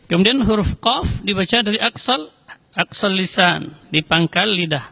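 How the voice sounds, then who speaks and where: A man teaching correct Quran recitation, explaining letter sounds slowly and carefully between chanted verses. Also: high-pitched, animated, gravelly, sharp tone, dry recording. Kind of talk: tajwid lesson with recited examples.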